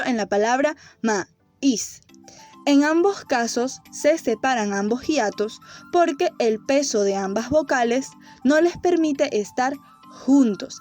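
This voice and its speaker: A woman teacher with a high, bright voice walks young children through a grammar lesson. She speaks slowly and clearly and explains with playful pictures. Soft music plays faintly under her voice.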